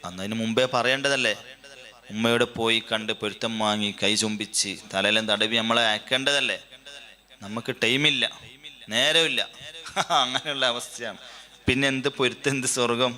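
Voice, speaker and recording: A man's voice: mid-range voice, normal speed, bright, forceful tone. A man giving a sermon, asking many rhetorical questions. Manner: rhetorical questions, emphatic rises. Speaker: Islamic preacher.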